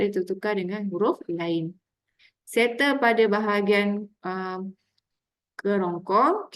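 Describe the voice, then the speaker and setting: A woman with a Malaysian Malay accent teaching Quranic pronunciation, patiently demonstrating each letter sound slowly. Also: mid-range voice. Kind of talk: tajwid pronunciation lesson.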